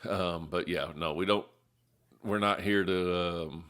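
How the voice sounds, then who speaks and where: A man co-hosting a casual live review show, rambling with lots of fillers and quick bursts of laughter. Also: low-pitched, steady tone, fairly bright tone. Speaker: co-host of a soda review show.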